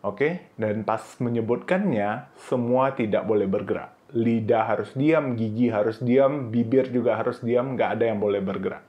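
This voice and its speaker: The recording has a lo-fi sound as a man gives an easygoing, instructive Mandarin pronunciation lesson on video. He sounds out syllables in high, stretched bursts and keeps saying "oke" and "nah."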